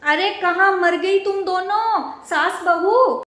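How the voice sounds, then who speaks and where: A woman's voice: very high voice, slow pace, fairly bright tone, roomy sound, faint music behind, exaggerated voice. A woman playing a nagging, demanding elderly grandmother who scolds and accuses the household. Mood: scolding.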